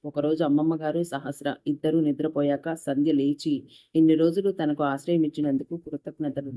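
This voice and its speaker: A woman narrating a moral story in a steady, even reading voice. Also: sits low.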